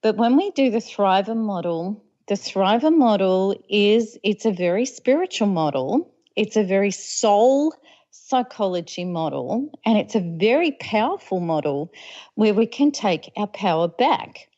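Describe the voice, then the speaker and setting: Animated woman author on radio. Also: mid-range voice, unhurried. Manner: animated, acts out inner voices. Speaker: author and guest. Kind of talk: radio interview. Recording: dull lo-fi radio audio.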